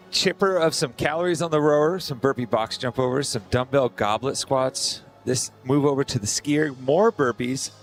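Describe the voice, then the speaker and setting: Male sports analyst on live broadcast, mid-range voice, light music bed. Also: medium pitch.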